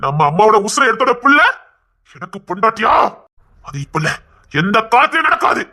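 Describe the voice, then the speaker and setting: A man's voice: high voice, very animated, fairly quick, bright, forceful tone, heavily acted. A man playing a hot-tempered young Tirunelveli man. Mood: stern, angry. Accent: Tirunelveli Tamil. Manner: harsh, commanding, threatening. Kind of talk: comedy skit drama.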